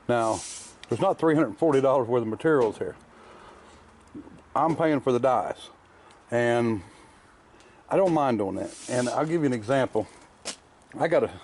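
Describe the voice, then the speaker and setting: Chewing candy while he shows off his shop work, this man rambles casually about restorations in his workshop garage, speaking plainly and stuffing his talk with fillers. It's a laid-back shop vlog narration in a darkish, mid-range voice over slight background noise.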